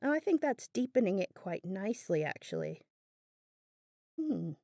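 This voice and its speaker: A woman narrates a craft video in an unscripted, chatty voiceover, thinking aloud and poking fun at herself. Her medium-pitched voice is warm and very animated at a normal speed, recorded indoors separately from the footage, with clean studio quality and no room sound.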